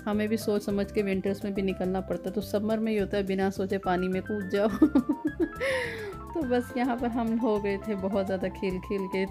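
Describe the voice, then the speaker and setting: A woman's voice: medium pitch, lively intonation, moderate pace, music in the background. A woman in her thirties, a mother and vlogger, talking playfully and coaxing her children with laughs. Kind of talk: casual family vlog.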